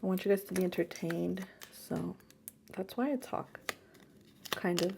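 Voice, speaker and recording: A young woman chatting casually while decorating a planner, rambling on and sometimes dropping to a hush. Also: lowish voice, measured pace, gravelly, noisy background. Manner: chatty, rambling, soft and hushed at times. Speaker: planner vlogger. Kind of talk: casual chat over plan-with-me crafting. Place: home room.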